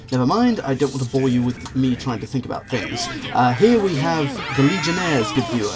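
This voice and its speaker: A man hosting a let's play with casual, wry, rambling commentary addressed to the viewer. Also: mid-range voice. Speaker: gaming video host. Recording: game music behind the voice.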